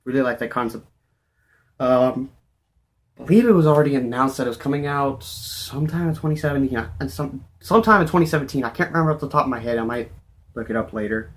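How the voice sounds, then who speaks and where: Man, medium pitch, overexcited gushing, repetitive phrasing, casual off-the-cuff gaming vlog commentary. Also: fast. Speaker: video game vlogger. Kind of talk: casual, unscripted fan commentary on games.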